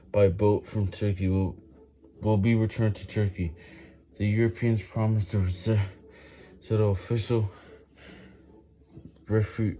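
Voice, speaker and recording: A man reading a book aloud while doing push-ups, halting and stumbling over words with some physical strain. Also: on the low side, mellow. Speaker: reader making a daily reading-while-exercising video.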